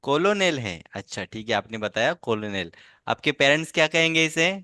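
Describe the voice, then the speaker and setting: A male language teacher tutors a child online, patiently coaxing the pupil along with frequent short checking questions. His mid-pitched voice is expressive, fairly quick, clear and resonant with a sharp edge, heard through dry video-call audio without room echo.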